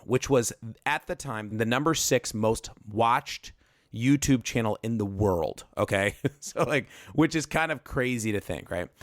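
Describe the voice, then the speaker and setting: On a casual podcast, a male co-host with a medium-pitched voice spins a long, rambling story, repeatedly interrupting himself and circling back. The sound is studio quality with no echo.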